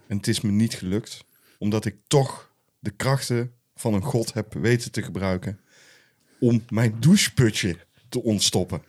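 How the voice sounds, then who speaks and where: A man's voice: fairly low pitch, darkish tone. A man co-hosting a podcast, narrating an improvised story in short, scene-by-scene sentences. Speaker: podcast co-host.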